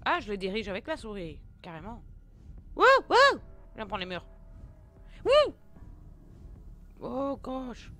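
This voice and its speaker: Lively young woman commentating a game. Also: medium pitch, brisk, few pauses, a little hiss or hum. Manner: expressive, exclaiming, jokey, laughs often. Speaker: gaming video creator. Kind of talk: let's play commentary.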